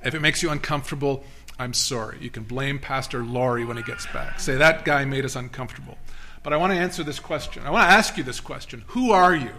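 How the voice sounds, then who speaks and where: A guest preacher in a church sanctuary gives an interactive sermon, chatting casually with the congregation, restarting often and tossing in self-deprecating asides. His mid-range voice is fast and sharp.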